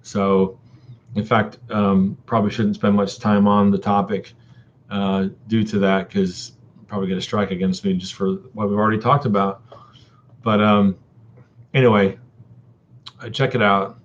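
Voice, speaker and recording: Casual man, low-pitched, rambling, filler-heavy, folksy, dull lo-fi stream sound. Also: level tone, unhurried, pauses often, a little hiss or hum. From Texas. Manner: rambling, many ums and uhs; folksy, addresses viewers as buddy and dude. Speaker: live streamer. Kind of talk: casual live-stream chat with viewers.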